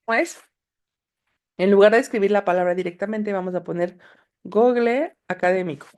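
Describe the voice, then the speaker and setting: A woman teaches an online class in a soft, mellow voice. She explains patiently, addressing her students directly as she walks them through each step. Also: mid-range voice, normal speed. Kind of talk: recorded class with screen demo.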